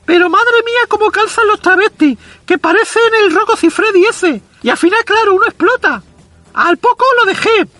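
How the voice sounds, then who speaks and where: A man playing a foul-mouthed, self-proclaimed macho with a squeaky, effeminate, boyish voice, rambling through a comic monologue. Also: animated, moderate pace, pushed and bright, no echo, faint music behind, heavily acted. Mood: rambling, boastful. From Andalusia, Spain. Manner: crude, rambling anecdotal delivery.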